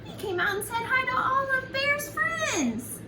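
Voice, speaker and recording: In a very high, highly animated voice at a measured pace, a woman storyteller and early childhood educator reads a picture book aloud, sing-song in style, turning aside to chat with the young children listening. The audio is roomy, the mic far away, and there is faint background noise.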